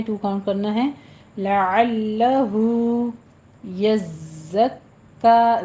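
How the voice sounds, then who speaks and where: A woman teaching Quran recitation, chanting verses with long drawn vowels, then briskly explaining pronunciation rules. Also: mid-range voice, mellow. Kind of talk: slow tajweed lesson, recitation alternating with explanation.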